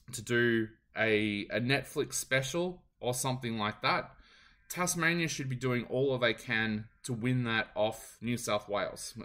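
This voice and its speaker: A man's voice: mid-range voice, a bit bright. A man with an Australian accent hosting a podcast, giving solo commentary in a loose, conversational way and passing on what promoters told him. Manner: conversational, frequent ums, relays what others told him. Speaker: podcast host.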